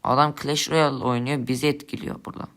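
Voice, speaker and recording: A man's voice: mid-range voice, flat delivery, fast talker, fairly bright tone. A young man giving angry gameplay commentary, swearing and ranting at his teammates in frustration. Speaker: gamer streamer.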